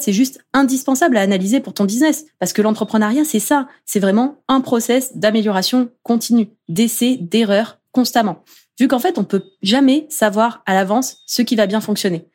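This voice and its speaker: A woman's voice: mid-range voice, a little mellow. A woman in her thirties hosting a solo podcast as a productivity coach, chatty and upbeat, talking straight to the listener.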